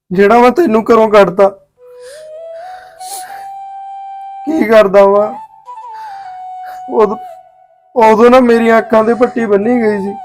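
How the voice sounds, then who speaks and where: A guilty grown son, played by a man, begging forgiveness with regret in every line. His voice runs on the high side. Soft music plays faintly under the scene. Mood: remorseful. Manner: pleading, regretful. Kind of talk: village drama acting.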